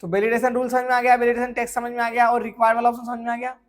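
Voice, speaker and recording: A man teaching a software course, explaining with everyday examples and often asking whether students have understood. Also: extremely high pitch, flat delivery, rapid-fire. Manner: keeps checking if students follow; asks rhetorical questions and answers them. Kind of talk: screen tutorial lesson.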